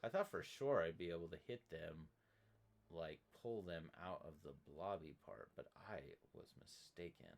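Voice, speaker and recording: A man's voice: deep voice, very animated, normal speed, gravelly. A man chatting casually while playing a video game, joking and exclaiming at the action. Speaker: gamer playing on stream. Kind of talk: casual let's-play chat.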